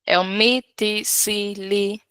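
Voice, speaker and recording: Leading a live Portuguese class, a woman with a smooth, steady, mid-range voice that's a touch bright explains an exam question slowly and patiently, step by step. She keeps asking "certo?" to check in, and the recording is dry.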